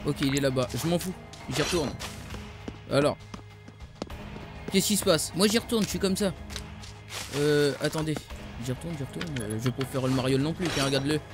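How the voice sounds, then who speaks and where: A man's voice: a little high, fairly quick, pauses often. A man with a French accent commentating his own gameplay, trash-talking opponents and talking to his viewers. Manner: trash-talking, excitable, calls viewers "les gars". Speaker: gaming YouTuber. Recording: music playing behind the voice.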